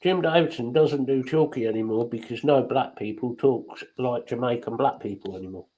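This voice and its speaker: A man in casual conversation, crude and outspoken, with plenty of swearing. His voice sits at an ordinary middle pitch. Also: moderate pace, mellow, poor audio. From England. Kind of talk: casual chat.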